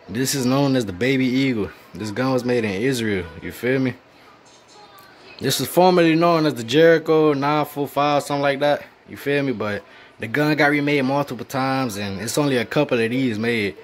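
A man with a mid-range voice gives a casual, slangy gun review on his channel, speaking laid-back and straight to viewers while wearing a mouth guard. There's slight background noise.

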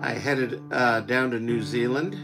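A man hosting his own livestream in casual chat, halting with fillers and restarts, his voice still recovering from being lost. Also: mid-range voice, steady tone, vocal fry, over music. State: recovering from voice loss. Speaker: singer-songwriter hosting a livestream.

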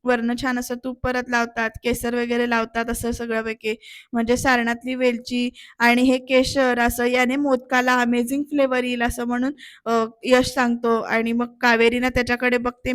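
A woman with a Marathi accent speaks in a fairly high, level voice at a normal pace, recorded dry. Reviewing a TV serial episode in voice-over, she chats straight to viewers and retells the characters' lines with a bit of acting.

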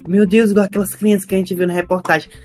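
A man's voice: sits high, level tone, rapid-fire, darkish tone, slight background noise, pitched above the performer's own voice, natural voice. A man voicing an easygoing young boy, a vampire's son, in a Minecraft role-play. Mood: worried.

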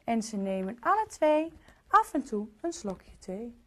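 A storyteller reads a rhyming children's picture book aloud with a sing-song cadence. Her high, very lively voice moves at a measured pace as she takes her time over each line.

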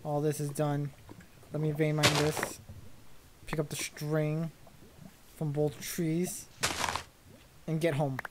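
A woman's voice: low-pitched, level tone, slow pace, long pauses, heavy background noise. A young woman commentating her gameplay casually, easily frightened and exclaiming in panic.

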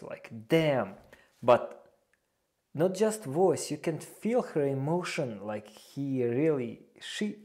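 In a small lamp-lit room, a young reaction channel host with a Bosnian accent speaks hesitantly, restarting often and using plenty of fillers. His voice is mid-range and a little mellow.

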